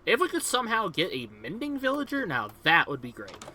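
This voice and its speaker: A young man chats casually over his gameplay, rambling and upbeat with plenty of fillers. His voice is bright and lively, swinging up and down in pitch. A faint hiss of ambient noise sits underneath. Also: brisk. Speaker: gaming video host.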